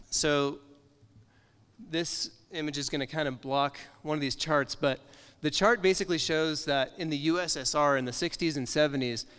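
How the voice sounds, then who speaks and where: A man's voice: on the high side, a bit bright, clear, resonant tone, long reverb tail. A man in his thirties giving a conference presentation from slides in a library meeting room, talking casually with frequent ums and uhs. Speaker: conference speaker.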